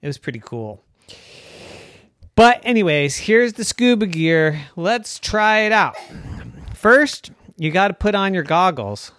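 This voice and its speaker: A man voicing a quirky, boastful old neighbor man who rambles jokily with sudden high bursts. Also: big pitch swings, unhurried, fairly bright tone, full character voice. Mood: jaunty.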